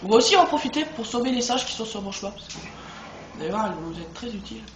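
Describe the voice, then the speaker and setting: A man chatting excitedly to viewers as he plays through a video game. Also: high-pitched, rapid-fire, echoey room, slight background noise, rough recording. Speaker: let's play host. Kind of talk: gameplay commentary.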